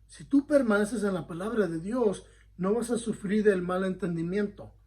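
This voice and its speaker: Teaching a Bible study, this high-voiced male pastor sounds earnest, conversational and a little mellow. He frequently stops to make sure his listeners follow, correcting himself partway through phrases.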